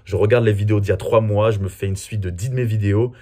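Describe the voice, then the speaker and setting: A man's voice: on the low side, steady tone, quick pace, dark tone. A man from France answering viewer questions in a casual, chatty and self-mocking way. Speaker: comedy video creator. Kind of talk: casual Q&A vlog.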